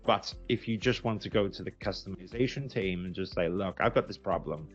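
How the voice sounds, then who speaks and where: A British recruitment agency founder with a deep, gravelly voice reviews software, talking through his experience casually and without a script. He speaks fairly quickly and conversationally, doubling up words for emphasis, over faint music on a lo-fi recording.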